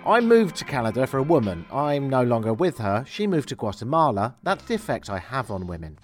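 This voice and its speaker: A middle-aged man from England hosting a farewell radio show, talking with dry, self-mocking humor and a taste for ranting. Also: mid-range voice. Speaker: radio host.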